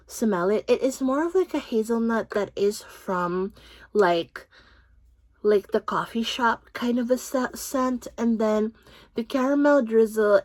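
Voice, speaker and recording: Filipino woman vlogger, warm gushing chatter, leisurely pace, dry recording. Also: on the high side, dry recording. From Philippines. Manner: chatty, gushing, frequent "like" fillers. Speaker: beauty vlogger. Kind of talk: casual fragrance review.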